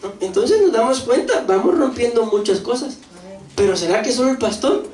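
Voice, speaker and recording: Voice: medium pitch, normal speed. Costa Rican pastor preaching in an echoey hall. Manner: lively, asks the congregation questions and acts out quoted voices. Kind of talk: sermon. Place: church hall. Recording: echoey church hall, distant mic, faint noise.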